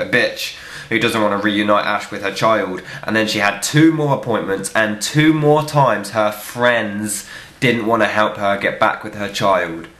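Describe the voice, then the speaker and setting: A young man, a film reviewer, answering viewer questions in a casual vlog, blunt, joking and quick to swear. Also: on the low side, bright, forceful tone. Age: young adult. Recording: echoey room.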